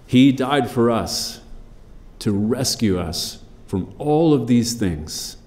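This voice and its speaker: A man preaching a sermon, measured and emphatic, slowing down on key phrases. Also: mid-range voice, animated, a little mellow, roomy sound. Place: church.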